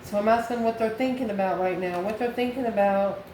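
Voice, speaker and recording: Mellow and a bit fast, this medium-pitched American woman hosts a channel and reads tarot, offering the viewer an intuitive reading full of short, repeated musings and questions. Clear background noise and echo are present in the room.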